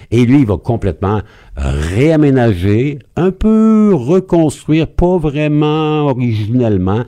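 A man with a Quebec French accent, a historian guest telling history in a lively, expressive way on a radio interview. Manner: lively, expressive storyteller with wide pitch swings.

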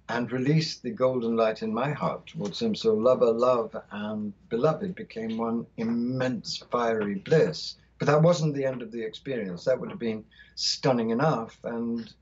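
A man in his sixties from South India appears as an interview guest, telling a spiritual vision in impassioned storytelling. His mid-range voice is a little mellow and husky, with the highs cut off. His phrasing is fervent and rhythmic, lingering on lists of words.

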